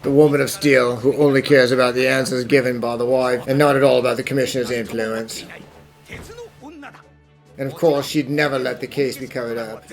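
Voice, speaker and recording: A weary police inspector from an anime fan dub acted by a man, dry and grumbling. The voice has a gravelly creak at an ordinary pitch, over soft music. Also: flat delivery, fairly quick, lightly acted. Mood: explanatory. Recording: music behind the voice.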